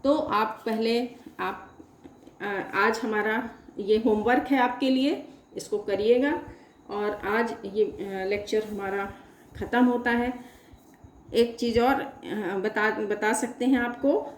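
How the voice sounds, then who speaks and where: A woman's voice: a little high, a little mellow, reverberant. A woman teaching a chemistry lesson, asking questions and answering them herself as she works through formulas. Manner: slow, questioning, answers her own questions. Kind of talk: classroom lecture at a board.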